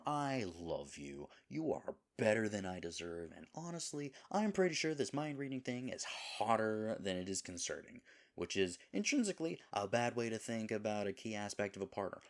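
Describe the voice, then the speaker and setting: Here a man with a lowish voice, very animated and at normal speed, voices a sweet, self-deprecating boyfriend in an intimate roleplay audio. Flustered and hesitant, he rambles and corrects himself, coming across as earnest and smitten.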